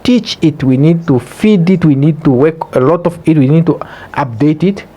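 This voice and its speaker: Mellow-voiced Namibian man explaining earnestly. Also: on the high side, normal speed. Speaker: podcast guest. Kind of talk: casual explanatory interview talk.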